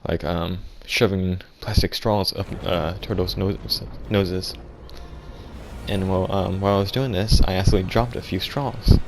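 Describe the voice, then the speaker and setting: A young man with a very low voice tells a ridiculous story in a flat, deadpan way. He rambles and stumbles, restarting his sentences often. A faint ambient hum sits behind him. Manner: rambling, halting, full of restarts and fillers. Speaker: vlogger.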